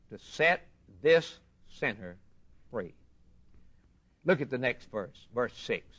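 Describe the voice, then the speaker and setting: Preaching on scripture, this man speaks with a medium-pitched, fairly bright voice. His delivery is fervent and forceful, with phrases purposely repeated for emphasis.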